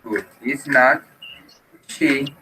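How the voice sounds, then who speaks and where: A man's voice: medium pitch, very slow, sharp tone, husky, poor audio. A man teaching an English class who explains patiently and switches between Spanish and English.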